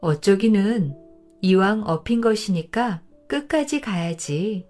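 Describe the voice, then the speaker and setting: A woman voicing a calm, wry old man who is a high state minister in disguise. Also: faint music behind. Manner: quiet, unhurried, dry.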